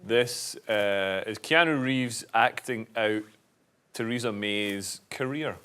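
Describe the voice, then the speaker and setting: A man playing team captain on a comedy panel show, telling rambling, excitable jokes and guesses. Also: fairly low pitch, slow pace, clean tone. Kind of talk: improvised comedy banter.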